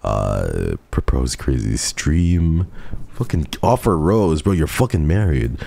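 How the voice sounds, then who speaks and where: A man giving casual, excitable commentary while playing a game, gushing over it and swearing a lot. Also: a bass voice, slow, gravelly. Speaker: streamer.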